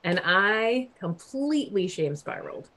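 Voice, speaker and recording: A woman in her forties, a guest telling a story in casual chat, animated, laughing often and swearing freely. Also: medium pitch, a little slow.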